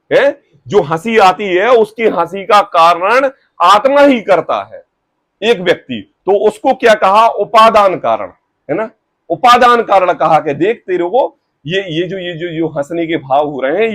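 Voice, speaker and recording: A man teaching scripture in a religious discourse, reading passages slowly and explaining them with rhetorical questions and everyday examples. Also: high-pitched, a bit bright, no echo. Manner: reads text slowly, then paraphrases.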